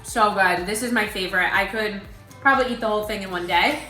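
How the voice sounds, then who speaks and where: Bright, playful woman guest in a kitchen. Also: medium pitch, quick pace. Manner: cheerful, playful tasting comments. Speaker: cooking show guest. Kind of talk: casual cooking demonstration. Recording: echoey room, background music.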